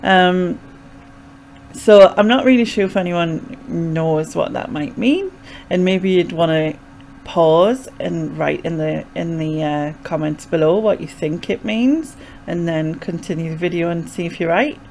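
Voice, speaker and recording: Gravelly and darkish, this young woman's fairly low voice keeps a measured pace as she vlogs with a Sunderland Mackem accent from North East England, hesitantly and casually rambling through explanations. Recorded close on a pop-filtered desk mic in a small bedroom, there's a little hiss or hum.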